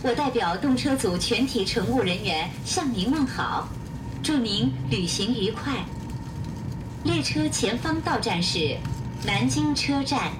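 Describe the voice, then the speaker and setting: A woman making a formal, polite onboard announcement heard over a train loudspeaker. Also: on the high side, animated, a little slow, distant mic, background noise. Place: inside a moving high-speed train.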